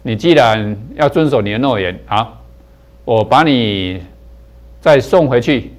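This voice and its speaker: A man's voice: mid-range voice, lively intonation, measured pace, lightly acted. Guy doing a big stern golden-winged bird from a parable, blunt and scolding.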